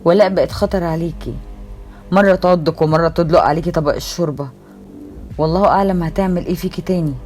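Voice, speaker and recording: A woman's voice: fairly low pitch, quick pace, darkish tone, soft background music, pitched above the performer's own voice, close to an everyday voice. A woman with an Egyptian accent voicing a jealous, controlling young man who argues in a raised, agitated voice. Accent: Egyptian Arabic.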